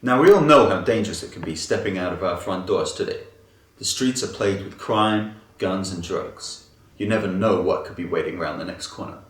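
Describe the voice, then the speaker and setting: A man's voice: sits low, fairly quick, natural voice. A man playing an earnest, easily amazed infomercial host with an exaggerated salesman's delivery. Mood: grave concern. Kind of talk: parody infomercial presenting. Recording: roomy, distant mic, music behind.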